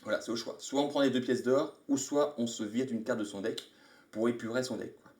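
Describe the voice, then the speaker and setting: Man, mid-pitched, chatty stream host, explaining rules, echoey room. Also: a little fast, darkish tone. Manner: chatty, thinks aloud, greets viewers mid-explanation. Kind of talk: casual board game rules explanation on a live stream.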